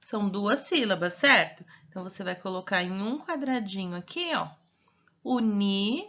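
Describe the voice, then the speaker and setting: A woman teaching a remote primary school class, speaking slowly and patiently and stretching out syllables. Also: medium pitch, lively intonation, pushed and bright. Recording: dull lo-fi audio.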